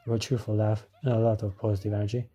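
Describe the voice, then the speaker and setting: A man's voice: on the low side, flat delivery, racing, warm tone, slightly rough, lo-fi sound. A man narrating a scripted review as an anime reviewer.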